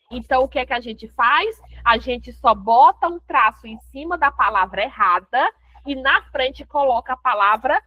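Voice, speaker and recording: A woman's voice: on the high side, dry recording. A woman teaching essay writing with a Brazilian Portuguese accent in an online class, explaining step by step and answering her own questions. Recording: dull, dry lo-fi audio.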